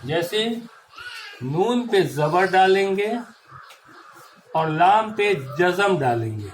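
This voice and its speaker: A man's voice: high-pitched, expressive, a little hiss or hum, rough recording. A male teacher giving a classroom grammar lesson, patiently spelling out letters and marks step by step.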